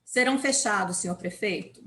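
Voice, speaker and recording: A woman's voice: medium pitch, brisk, pushed and bright, natural voice. A woman acting an obsequious, meek government secretary in a hammy satirical dramatic reading, drawing out her words. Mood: servile. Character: obsequious female health secretary, meekly yielding to her boss.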